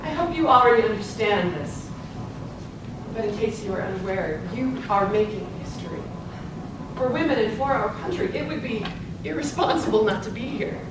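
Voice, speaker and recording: In a live stage play, a woman plays an earnest newspaper reporter, sounding eager and awed in an expressive, moderately paced voice close to how she'd normally talk. It was captured on a distant mic in an echoey, noisy room with a low rumble.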